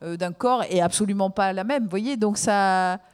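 A woman taking part in a discussion, speaking hesitantly with many pauses and fillers. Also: mid-range voice, smooth.

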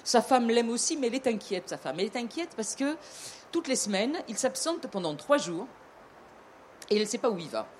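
A woman's voice: a little high, big pitch swings, a little fast, a little hiss or hum. A woman with a southern French accent telling an old tale in a casual, hesitant way, with many fillers, restarts and joking asides. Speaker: storyteller. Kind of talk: casual storytelling talk.

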